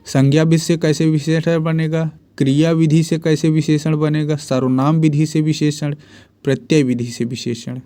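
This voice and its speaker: A man's voice: fairly high pitch, level tone, moderate pace, dark tone. A man teaching Hindi spelling and grammar for exams, repeating each word and answering his own questions. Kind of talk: exam-prep lesson.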